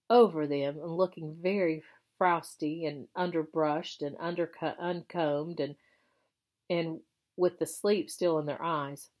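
Her voice deep, a teacher reads to her class from a children's novel, telling the story at a measured pace with plenty of expression.

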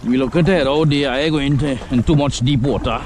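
Out on open water in his kayak, this Trinidadian man vlogs about fishing in a relaxed, talkative way, slipping into loose Caribbean patois. He speaks at medium pitch and a little quickly. The background is noisy.

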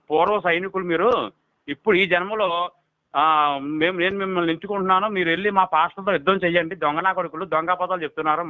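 A man with a Telugu accent in a heated phone argument, hurling insults and cutting in without pause. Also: high-pitched, no room sound. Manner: abusive, shouting insults, fast and relentless. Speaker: activist arguing on a phone call. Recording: tinny phone line.

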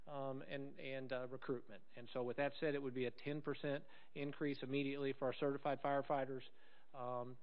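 A man presenting an item to a city council in a conversational, halting way, with many fillers and restarts. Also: mid-range voice, clean tone, highs cut off. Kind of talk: council meeting remarks. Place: council chamber.

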